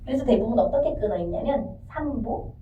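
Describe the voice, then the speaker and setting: Lively woman teacher in echoey classroom. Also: fairly high pitch, fairly quick, a little hiss or hum. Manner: lively, sings out verse lines, asks students questions. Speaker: Korean literature teacher. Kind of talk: classroom lecture. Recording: echoey classroom, distant mic, dull.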